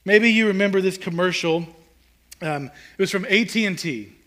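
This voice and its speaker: A man preaching a sermon. His voice is high and bright, and his delivery is conversational and animated. He drops to near-hushed lines for emphasis. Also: normal speed. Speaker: pastor. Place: church hall with congregation.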